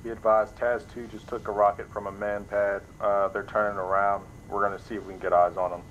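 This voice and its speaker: A man's voice: fairly low pitch, little pitch movement, brisk, a bit bright. A man on radio comms in a flight game, speaking in clipped radio procedure over a radio. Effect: heard over a radio. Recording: dull radio line with faint hiss.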